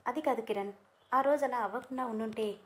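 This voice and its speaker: A tender young wife with a soft, wistful way of speaking, read by a woman storyteller. Her voice is fairly high. It comes from a narrated story. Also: fairly quick, lightly acted.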